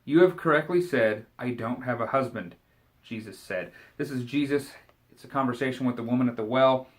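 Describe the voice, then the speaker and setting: A man giving a short devotional Bible commentary, talking in a relaxed, conversational way and paraphrasing scripture in everyday speech. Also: mid-range voice. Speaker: Bible teacher.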